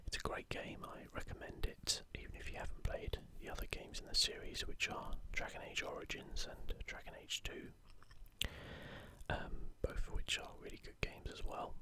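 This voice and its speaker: An ASMR video host presents to viewers in a gentle, unhurried whisper that never breaks.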